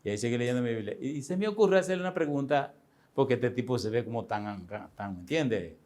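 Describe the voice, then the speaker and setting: A man's voice: mid-range voice, lively intonation, fast talker, a little mellow. A man in his sixties, a pastor, tells a personal story in a sermon, speaking conversationally, addressing listeners directly and chuckling often. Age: 60s.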